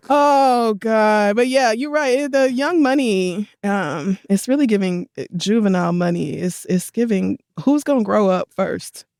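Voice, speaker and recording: A woman's voice: on the high side, lively intonation, slow pace, a little mellow, no echo, studio quality. A woman co-hosting a podcast in casual chat, laughing often, blunt and swearing freely. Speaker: podcast co-host.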